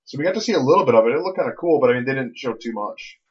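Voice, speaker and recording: A man's voice: medium pitch, lively intonation, very fast. A man co-hosting a podcast in joking, easygoing chat, talking into a phone. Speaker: podcast co-host. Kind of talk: casual chat. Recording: lo-fi phone-mic recording.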